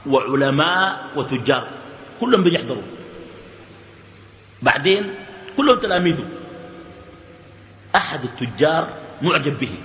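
A man with a Sudanese Arabic accent giving a colloquial sermon, moving between slow emphatic lines and quick asides. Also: fairly high pitch, a little hiss or hum. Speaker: sheikh giving a religious lesson. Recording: echoey hall, dull lo-fi sound.

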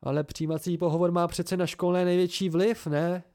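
A man reading an amateur audiobook, voicing an eager, excitable young male student. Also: high-pitched, voice pushed up. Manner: eager and indignant.

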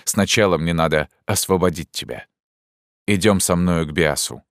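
A man's voice: low voice, moderate pace, dry recording, clean studio sound, natural voice. A man voicing a sad, resigned noble captive. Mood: urgent. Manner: quiet, sorrowful, submissive.

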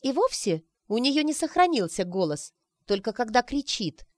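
Reader as a sharp-tongued bossy young woman, pitched up. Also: very animated, normal speed, dry recording, studio quality. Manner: scolding, bossy.

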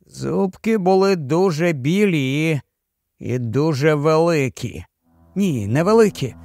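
A man's voice: fairly high pitch, a little mellow, dry recording, clean studio sound. A man narrating a horror audiobook in a dramatic, tense storytelling manner. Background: faint music.

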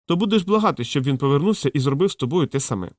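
A man's voice: fairly high pitch, expressive, darkish tone, no room sound, clean studio sound, natural voice. A man doing a glib young thief. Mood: urgent, placating. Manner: quick, glib, exclamatory. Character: quick-witted young male thief, glib talker.

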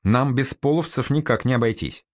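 A man voicing a young prince who argues back with doubt and protest, pitched higher than his narrating voice. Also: moderate pace, no echo, clean studio sound, natural voice. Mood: doubtful, protesting. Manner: skeptical, protesting.

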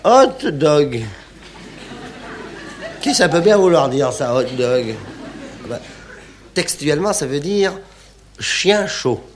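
A man's voice: on the high side, very animated, slow pace, pauses often, a faint crowd, a little hiss or hum. A man performing a comic stage monologue, in an indignant, exclaiming, mock-stubborn manner. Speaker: comedian.

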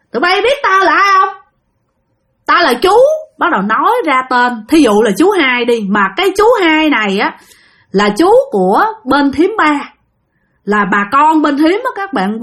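High-pitched woman telling a spooky story, chatty, talks right to the listeners. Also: fairly bright tone. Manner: chatty, addresses listeners directly. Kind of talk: casual ghost-story narration.

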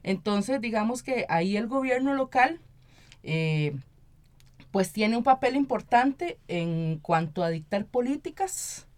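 A Costa Rican woman, a local council member and activist, is the guest on a conversational radio interview. Her voice is a little high and somewhat mellow, with lively intonation, and she takes her time. She explains things at length, often ending statements with "¿verdad?" to check in.

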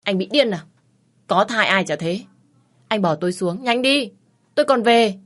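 A woman voicing a young pregnant wife who is defiant and frightened, shouting and pleading near tears. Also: fairly low pitch, moderate pace. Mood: distraught.

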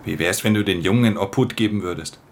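A very deep, gravelly-voiced actor plays a weary, hard-edged thief in a radio drama, narrating his own crime story and speaking lines of dialogue. He talks quickly in a terse, subdued way, sounding flat and guarded.

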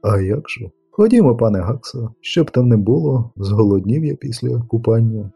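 A man's voice: mid-range voice, lively intonation, moderate pace, creaky, mellow, slightly rough, faint music behind. A man voicing a dry, mildly sarcastic grown monster hunter in an audiobook. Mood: wry.

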